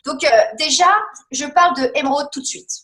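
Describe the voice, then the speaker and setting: A woman's voice: high voice, brisk, fairly bright tone, roomy sound. A woman giving rambling, chatty coaching advice on a team call, with many fillers and laughs. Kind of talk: casual motivational coaching talk.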